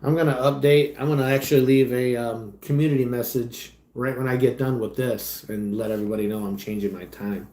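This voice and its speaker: A man's voice: medium pitch, fairly even intonation, a little fast, hardly any pauses. Casual male streamer, rambling and conversational, recorded in a roomy, echoing space. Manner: rambling, chatty, trails off quietly. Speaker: livestream host and delivery driver. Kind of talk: casual livestream chat reading comments. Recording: echoey room.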